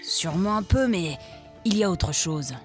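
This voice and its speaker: A woman's voice: lowish voice, lively intonation, moderate pace, soft background music, close to an everyday voice. A woman voicing a wary, tough male fox scout who knows the forest well. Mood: uneasy. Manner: uneasy, then coldly threatening.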